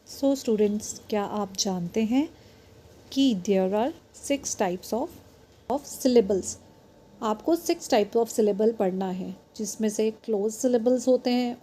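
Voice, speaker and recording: Very slow, mellow-voiced woman teaching phonics. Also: fairly high pitch, slightly rough. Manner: mixes Hindi and English, spells out letters and stretches example words slowly. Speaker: English teacher. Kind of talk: phonics lesson for beginners.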